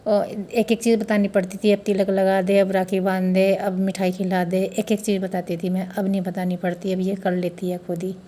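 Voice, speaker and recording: A woman's voice: medium pitch, warm tone. A woman chatting to viewers in a casual family vlog, explaining household customs step by step. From India. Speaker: family vlogger. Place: family home during a festival.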